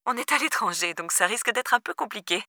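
A woman voicing a careless mother who talks in a soft, airy, offhand way. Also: mid-range voice, animated, fast talker, no room sound, clean studio sound, pitched above the performer's own voice. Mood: flippant. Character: careless mother abroad, flippant and distant.

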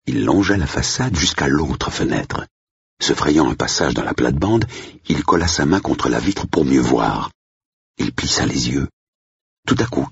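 A man with an extremely low, gravelly, husky voice reads a novel in a measured, steady way. His pitch moves a lot across phrases. The sound is dry and dull, like a lo-fi recording. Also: no echo. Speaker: audiobook narrator. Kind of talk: scripted narration.

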